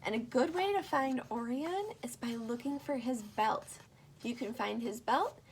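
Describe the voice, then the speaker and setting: A woman with a fairly high voice reads a rhyming picture book aloud to young children, pausing to explain things and put simple questions to them. A bit of hiss or hum runs under the recording.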